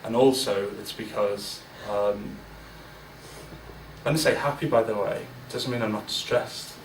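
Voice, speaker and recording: Unhurried and steady, a man in his forties speaks with a fairly low pitch as a guest at a business event, addressing an audience in a large room. He is candid and informal, with plenty of fillers and restarts, recorded from a distance in a roomy space with faint ambience and slight background noise.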